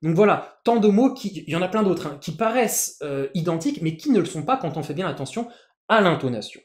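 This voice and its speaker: This is an explanatory language lesson built on written examples, delivered by a patient teacher who repeats words and restarts phrases. The mid-pitched voice is animated and brisk, and a clear room echo runs through the clip.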